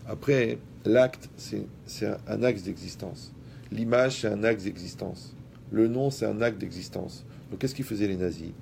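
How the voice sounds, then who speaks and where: A man with a low, heavily gravelly voice gives a talk in a relaxed, colloquial way. He speaks straight to his listeners and uses everyday examples. His tone is dark and mellow. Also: unhurried, slight background noise. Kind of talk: lively talk to an audience.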